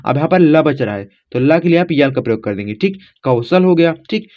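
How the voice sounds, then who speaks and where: A man explaining a lesson in an easygoing, talkative way. He walks through each letter one at a time and keeps checking in with the listener. His voice sits a little higher than usual and comes through a dull, lo-fi recording. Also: animated, brisk. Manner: repeats "theek" constantly, spells letters aloud step by step; addresses viewers as friends, informal. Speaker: teacher. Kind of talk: casual classroom explanation.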